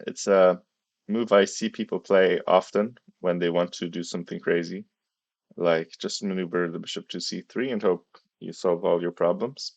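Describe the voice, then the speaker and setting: A tired man quietly giving casual live chess commentary, speaking hesitantly and awkwardly because of a swollen tongue. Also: low voice, vocal fry. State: sore, swollen bitten tongue. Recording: dull, roomy sound.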